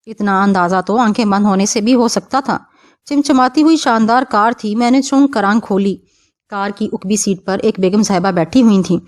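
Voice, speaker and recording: A woman narrating a novel as an audiobook, with a steady storytelling delivery. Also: medium pitch, dry recording.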